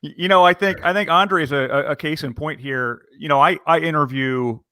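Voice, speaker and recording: A man's voice: a little high, fairly quick, sharp tone, dry recording, clean studio sound. A man co-hosting a podcast who works as a recruiter, speaking earnestly with frequent restarts and repeated words. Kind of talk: casual podcast conversation.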